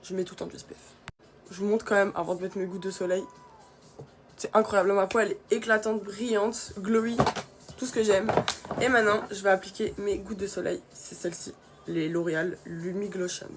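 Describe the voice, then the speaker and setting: A woman's voice: mid-range voice, little pitch movement, brisk, noisy background. A young woman from France chatting casually through her skincare routine, with many fillers. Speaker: beauty vlogger.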